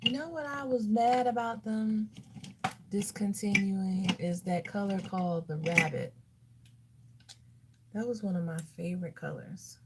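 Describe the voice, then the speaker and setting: A beauty vlogger chats casually as she does her makeup in a get-ready-with-me video, talking to herself and tossing sassy asides to viewers. Her voice is mid-range and unhurried, with frequent pauses and slight background noise.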